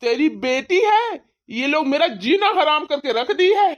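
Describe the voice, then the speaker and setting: An angry, bullying husband voiced by a woman who barks harsh orders in a cartoon story. The voice sits very high. The recording is dull and lo-fi. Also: expressive, measured pace. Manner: shouting, harsh. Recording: dull lo-fi sound.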